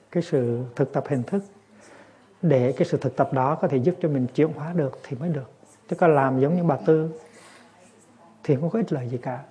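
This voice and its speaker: Man, Buddhist teacher, dharma talk, mellow husky voice. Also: on the high side. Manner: calm explaining, lively storytelling.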